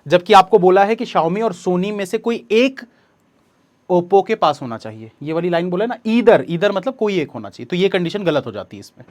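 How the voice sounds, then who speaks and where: A man, teaching an exam coaching lesson step by step and reading the questions slowly aloud. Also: sits high, sing-song.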